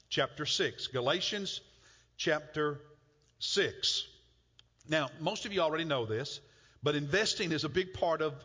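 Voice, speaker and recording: A middle-aged man with a slightly high, sharp voice preaches a conversational sermon as a pastor, often repeating words as he builds toward a point. He is in a church sanctuary, and the recording sounds muffled, like a church hall with long reverb.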